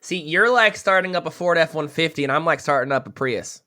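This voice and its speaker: Bright-voiced joking male podcast co-host. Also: a little high, lively intonation, brisk. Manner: goofy, rambling, jokey. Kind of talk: crude casual chat.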